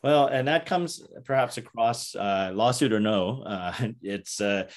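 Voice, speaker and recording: A man moderating an academic interview, speaking in a halting way with frequent restarts and "uh"s. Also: mid-range voice.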